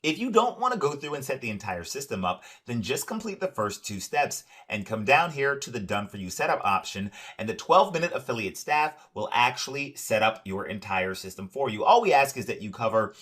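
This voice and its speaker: A man giving an upbeat, salesy screen-share walkthrough of a software dashboard, often adding "right?" and filler "uh"s. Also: mid-range voice, sing-song, fairly quick, hardly any pauses. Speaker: product demonstrator.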